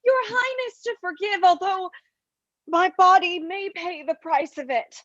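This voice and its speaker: Woman playing a very high, pleading condemned noble. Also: measured pace, fairly bright tone, no room sound, lo-fi sound. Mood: tearful repentance. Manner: pleading, theatrical. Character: condemned, repentant noble traitor pleading for forgiveness. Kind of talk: Shakespearean stage acting.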